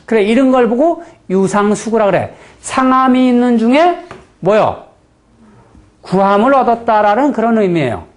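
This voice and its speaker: A fortune-telling teacher from Korea's Chungcheong region lectures a class in a Chungcheong accent, blunt and folksy, stopping often to ask rhetorically whether the students follow. The voice is mid-range and expressive at a normal speed.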